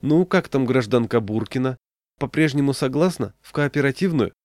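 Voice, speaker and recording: A man's voice: medium pitch, expressive, moderate pace, a little mellow, dry recording, voice pushed up, lightly acted. A man voicing a suspicious, smug official who drawls with mock surprise, recorded dry and close. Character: suspicious bureaucrat, smug and sly.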